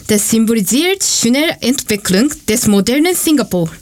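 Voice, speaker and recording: A woman from Japan, a Japanese native speaker, reading a prepared presentation slowly in learner's German. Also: fairly high pitch, expressive, darkish tone. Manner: slow, careful learner's German. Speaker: student presenter. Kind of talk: read-aloud presentation.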